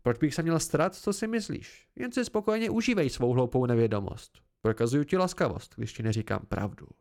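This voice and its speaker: A man voicing a weary, scornful fae man who talks in a sulky, dismissive way, with a gravelly voice. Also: medium pitch, big pitch swings, a little mellow.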